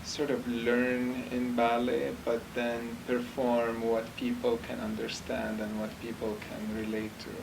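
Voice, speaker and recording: Man, interview answers, measured and hesitant, flat even delivery, distant mic, noisy room. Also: mid-range voice. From Iraq. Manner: measured, thoughtful, many pauses and fillers. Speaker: dancer, choreographer. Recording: distant mic with clear background noise.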